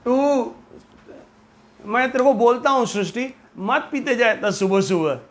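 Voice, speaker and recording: Slow, high-voiced teasing maths teacher man. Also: animated. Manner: teasing, joking with students. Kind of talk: classroom lecture. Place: classroom with students.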